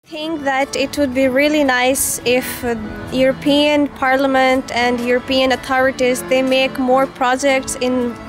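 A woman's voice: sits high, level tone, measured pace, few pauses, music in the background. A woman in her twenties from Ukraine with a Ukrainian accent, a student speaking steadily in an outdoor interview. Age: 20s. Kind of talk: documentary interview. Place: outdoors in a park.

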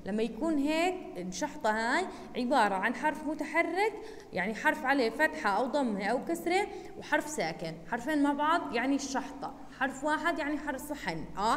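A woman teacher with a Jordanian accent, giving a recorded lesson and drilling words slowly syllable by syllable. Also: high-pitched, in a large hall. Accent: Jordanian Arabic. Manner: slow, deliberate syllable-by-syllable drilling.

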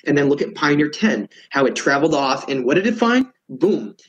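A man's voice: on the high side, very animated, fairly quick, dull audio. A man presenting in a casual lecture, earnest and emphatic, often restarting words.

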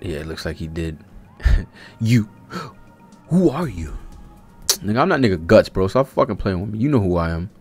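His low, husky voice swings widely in pitch at a normal pace, broken by long pauses. The man, in his thirties, is a manga reaction streamer giving casual, profane, slangy live commentary and reading panels aloud. He speaks into a close desk-arm mic in a small indoor streaming space with soft background music.

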